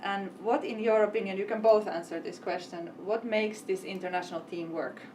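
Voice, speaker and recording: At a live event venue, a woman hosting a panel interview asks long, winding questions. Her medium-pitched voice is brisk and a little mellow with fairly even intonation, picked up by a distant mic with faint ambience and slight background noise.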